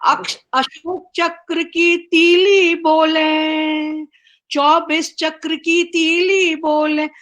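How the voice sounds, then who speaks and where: High-voiced woman reciting poetry very slowly. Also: flat delivery, fairly bright tone. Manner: chanted verse with repeated lines. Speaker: guest poet.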